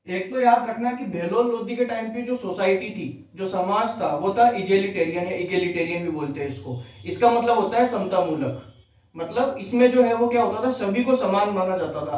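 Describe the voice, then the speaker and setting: A man's voice: sits high, a little mellow, distant mic. A man teaching a history lesson for exam prep, repeating each key fact as a question and then answering it, with English terms mixed in. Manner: mixes English terms into Hindi. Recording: very echoey room, voice off-mic.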